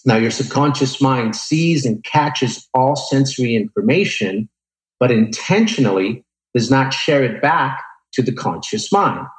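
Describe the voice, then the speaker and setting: An echoing room surrounds a man in his forties with a mid-pitched voice. He talks as an interview guest, sharing motivational lessons from his own life. His delivery is earnest and emphatic, explaining each point like an instructor. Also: lively intonation, unhurried. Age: 40s. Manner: earnest, emphatic, instructive, with rhetorical check-ins. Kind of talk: motivational personal storytelling in an interview. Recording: roomy, echoing sound.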